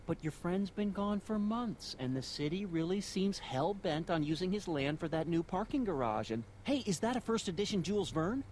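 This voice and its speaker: A man's voice: sits high, lively intonation, normal speed, hardly any pauses, a little mellow, a little hiss or hum. An actor playing a mild, easily distracted middle-aged American father in a video game, chatty in manner. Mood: placating, distracted.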